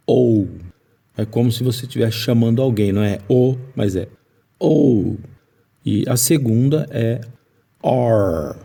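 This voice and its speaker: A man's voice: fairly low pitch, dark tone. A man teaching English pronunciation to Portuguese speakers in a video lesson, explaining patiently and drawing out example words.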